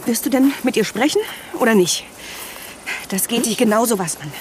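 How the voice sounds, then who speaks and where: Actress voicing an urgent, insistent woman, slightly high voice, audio drama with background noise. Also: animated, moderate pace, natural voice. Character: agitated determined woman protecting a stranger. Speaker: Sandra, a wife confronting her friends. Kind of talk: radio play acting.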